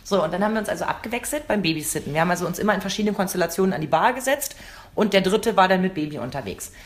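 A woman co-hosting a casual chat podcast, telling lively anecdotes and laughing often. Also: fairly low pitch, very fast. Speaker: podcast co-host.

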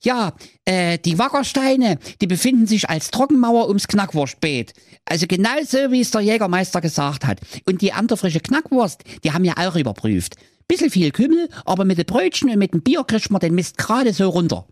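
A pompous knight rattles off his findings in a high, hurried voice, as a man puts him on. The sound is dry and close. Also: very animated, dry recording. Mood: rambling. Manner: quick, high, rambling report. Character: knightly male witness, chatty and pompous.

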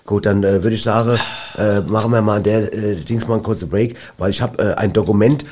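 A man hosting a comedy show, teasing his co-host in hurried banter. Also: fairly low pitch, steady tone, a little mellow. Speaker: radio host.

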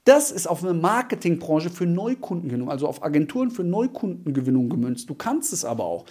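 Guy coaching cold calls, husky voice, bouncy pitch, says boom a lot. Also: big pitch swings, fast, warm tone. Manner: punchy, emphatic, with sound words like boom and zack. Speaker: cold-calling sales trainer. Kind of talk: instructional sales training talk.

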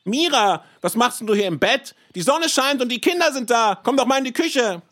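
Pieps is a bubbly little cartoon critter who loves to rap, voiced by a performer. The voice sits at a middle pitch and chats eagerly in youthful slang. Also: animated, moderate pace, a bit bright. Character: cheerful little creature who raps, friendly helper. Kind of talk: children's show acting.

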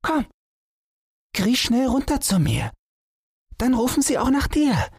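A man voicing a cheerful, secretive little boy in a storybook reading, using a high childlike voice. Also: sing-song, slow, husky, no room sound, clean studio sound, heavily acted. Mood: secretive, delighted.

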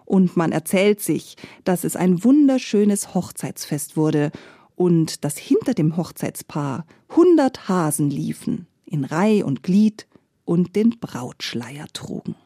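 A woman narrating a fairy tale in an expressive storytelling manner, close on a studio mic. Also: fairly low pitch, takes it slowly, no echo.

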